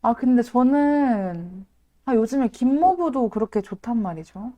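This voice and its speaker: A woman hosting a casual live stream, excitable and dramatic, often laughing and reacting to viewer comments. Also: a little high, unhurried, muffled recording.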